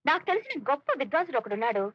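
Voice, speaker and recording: A woman's voice: sits high, sing-song, racing, no echo. An actress playing a wealthy young woman in a film comedy, scolding and mocking. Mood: skeptical. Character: rich young woman, sharp and skeptical. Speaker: wealthy heiress. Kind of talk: Telugu film comedy dialogue. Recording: dull film soundtrack.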